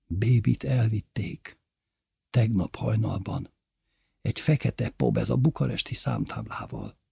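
A man reading aloud and voicing a worried, unshaven older village man who talks in a hushed, hurried way. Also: mid-range voice, animated, vocal fry, breathy edge.

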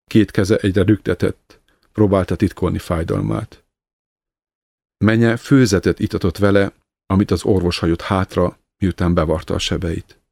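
Egy férfi nyugodt, kimért hangon olvas fel egy irodalmi elbeszélést. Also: male voice, low-pitched, vocal fry, dry recording. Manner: calm, measured reading. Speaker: narrator. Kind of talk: scripted narration of a literary story.

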